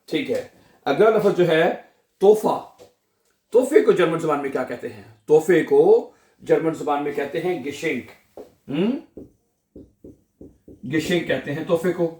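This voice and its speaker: A male language teacher giving a slow classroom lesson, drilling each word and phrase over and over and asking his viewers questions before he answers them. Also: fairly high pitch, a little mellow, reverberant. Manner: drills words slowly, repeating each phrase.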